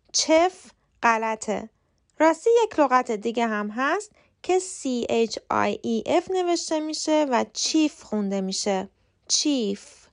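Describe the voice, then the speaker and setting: A woman hosting a short podcast lesson, speaking Persian natively and spelling out English words letter by letter with slow, careful pronunciation. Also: on the high side. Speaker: podcast host and English teacher.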